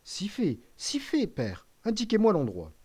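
A man's voice: mid-range voice, animated, normal speed, darkish tone, lightly acted. A man reading an audiobook, voicing an eager, earnest young sailor devoted to his father. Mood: anxious, pleading. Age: 20s. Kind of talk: audiobook character voice.

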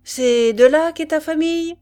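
A woman voicing a gruff male army sergeant who barks his questions loudly. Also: sits high, a little slow, voice pushed up. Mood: barking. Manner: loud, barking questions.

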